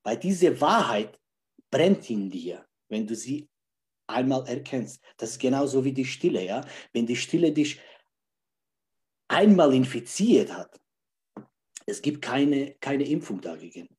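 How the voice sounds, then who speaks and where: A man's mid-range voice, darkish in tone, sounds sing-song at a measured pace as he talks as a podcast guest. Emphatic throughout, he repeats key phrases and checks in with "ja?" again and again.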